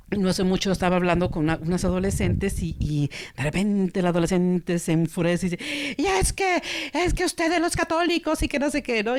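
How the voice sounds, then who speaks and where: A woman psychotherapist, teaching calmly and carefully on communication, now and then acting out quoted voices. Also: on the low side, no echo. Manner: calm, measured, with playful acted quotes.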